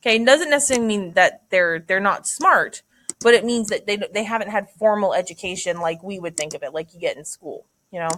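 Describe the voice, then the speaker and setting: A woman's voice: medium pitch, a little fast, a bit bright, slight background noise. A woman teacher thinking aloud through a literary analysis lesson, casual, with many fillers and "right?" checks.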